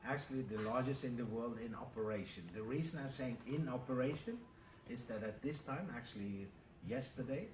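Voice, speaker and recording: A Norwegian cruise ship captain in his fifties gives interview answers aboard a large cruise ship, his medium-pitched voice measured and factual with frequent "uh" pauses. He sits well back from the mic in a roomy, echoing space, with steady noise humming in the background.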